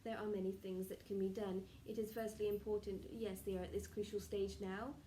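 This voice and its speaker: A woman speaking as a seance medium in trance, voicing benevolent spirit guides with formal, halting, stilted phrasing and murmured pauses. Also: medium pitch, flat delivery, warm tone, natural voice. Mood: solemn, insistent. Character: solemn benevolent collective of spirit guides advising a client. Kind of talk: seance medium channelling, improvised spiritual counsel. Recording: roomy, distant mic with faint noise.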